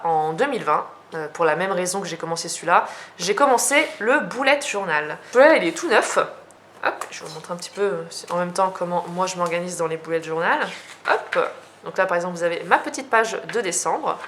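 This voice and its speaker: A woman's voice: on the low side, a bit bright, a little hiss or hum. A young French woman chatting casually as she shows her journals, talking with many fillers and restarts. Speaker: journaling vlogger. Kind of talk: casual show-and-tell.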